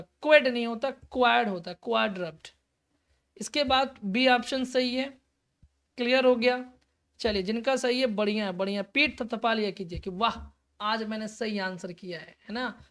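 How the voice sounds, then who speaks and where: Fairly high-voiced woman teacher, encouraging, spells stuff out slow, keeps checking everyone follows. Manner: encouraging, calls students "beta", repeats and spells words slowly. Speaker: exam-prep teacher. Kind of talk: live online class.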